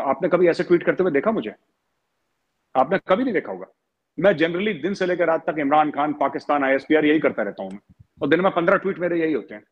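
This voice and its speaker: Husky man arguing on a TV debate. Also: on the high side, highs cut off. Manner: argumentative, switches into English phrases. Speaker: TV debate panelist. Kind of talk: heated TV debate.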